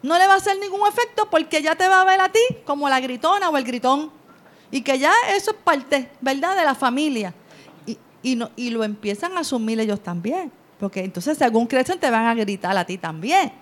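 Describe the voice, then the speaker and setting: A woman's voice: high-pitched, expressive, brisk. A middle-aged woman giving a conversational talk on parenting from slides, often checking in with "¿verdad?". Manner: presents from slides. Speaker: parenting educator.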